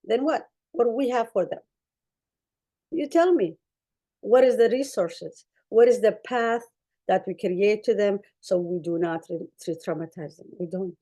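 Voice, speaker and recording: Unhurried and animated, this Somali woman clinician presents a conference talk with slides in a warm, mid-range voice. Arabic is her mother tongue, and her earnest, emphatic manner includes repeating phrases for stress.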